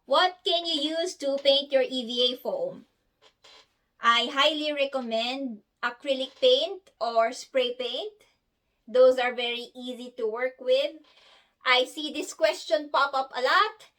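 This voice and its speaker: A woman's voice: high-pitched, slow, fairly bright tone. A woman in her thirties, giving a chatty, giggly crafting tutorial and correcting herself as she goes. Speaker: cosplay crafter. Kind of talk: casual tutorial.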